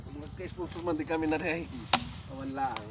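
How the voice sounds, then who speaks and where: A man's voice: on the high side, fairly even intonation, a little fast. Male vlogger chatting with villagers, casual and questioning, heavy outdoor noise behind. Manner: chatty, keeps asking "ha?" and "no?". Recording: noisy outdoor recording, birds and chopping.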